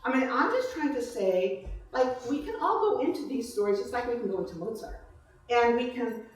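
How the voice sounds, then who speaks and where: Speaking earnestly to guests at a live book event, a woman author chats informally about her book before reading from it slowly and literarily. Her voice is on the high side and expressive, at a moderate pace, picked up from afar in an echoey room with faint noise.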